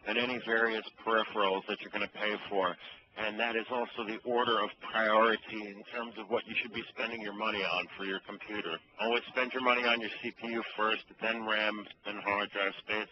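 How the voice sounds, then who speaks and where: A man explaining things over the phone like a store employee, in a matter-of-fact, instructive way. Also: lowish voice. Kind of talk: explanatory customer-service phone talk. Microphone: telephone. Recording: muffled, faintly noisy phone line.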